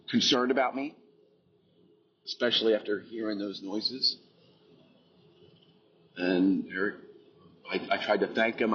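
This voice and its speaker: A man's voice: fairly low pitch, fairly bright tone, muffled recording, slight background noise. A man earnestly recounting a personal experience, intense and reflective, repeating phrases for emphasis.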